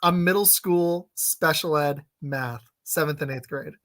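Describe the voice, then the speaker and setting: A man's voice: on the high side, unhurried, a bit bright. Thirty-something guy hosting a sports pod, rambly, keeps restarting sentences. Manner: rambling, many fillers and restarts. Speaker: podcast host. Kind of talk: casual sports chat.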